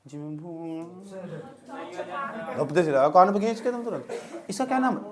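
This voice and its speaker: A man's voice: a little high, lively intonation, measured pace. A young man teaching a classroom physics lesson, joking and teasing his students as he explains. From India. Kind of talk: classroom lecture.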